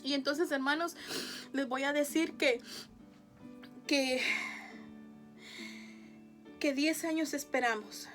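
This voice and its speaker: A woman's voice: sits high, slow pace, pauses often, a bit bright, faint music behind. A woman, giving an emotional church testimony, tearful and laughing as she speaks to the congregation. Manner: tearful, laughs often, addresses audience as brothers.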